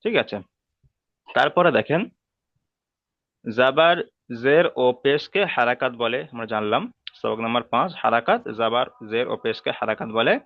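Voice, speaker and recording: A man teaching letter sounds in an online class, patient and repeating each rule slowly. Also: mid-range voice, gravelly, no echo, dull audio. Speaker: Quran reading teacher.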